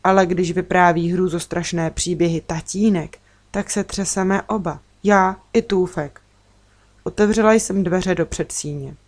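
Woman calmly reading a children's story. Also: fairly low pitch. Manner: calm, measured storytelling. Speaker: narrator. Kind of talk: children's book read aloud.

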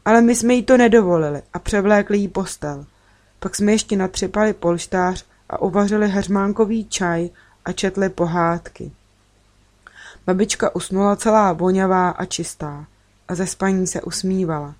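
A woman narrating a first-person children's story in a steady, measured way. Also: medium pitch.

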